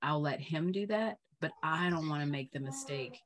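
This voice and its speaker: Casting: middle-aged woman, low voice, relaxed chatty co-host, reflective with frequent laughs. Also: moderate pace. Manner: reflective, laughs often, loses her thread. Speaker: podcast co-host. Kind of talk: casual chat.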